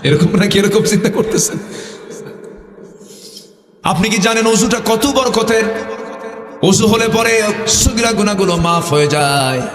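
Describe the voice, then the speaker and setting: A man from Bogura with a North Bengal accent, preaching a sermon to a live crowd. He leads call-and-response chants and swings between loud exhortation and quiet asides. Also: sits high, a little slow, pauses often. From Bogura, Bangladesh. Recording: echoey hall with long reverb.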